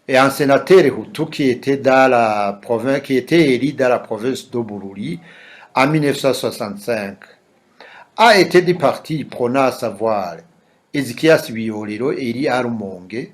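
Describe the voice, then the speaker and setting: A man from Burundi, a human rights defender, giving a measured testimony and listing names and places one by one. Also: mid-range voice. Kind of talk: read testimony.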